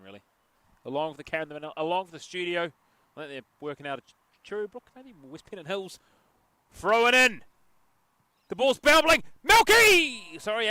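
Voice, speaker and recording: A man giving chatty live commentary on a local football match outdoors, with jokey asides and excited bursts at chances. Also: on the high side. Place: outdoors at a local sports field. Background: passing traffic.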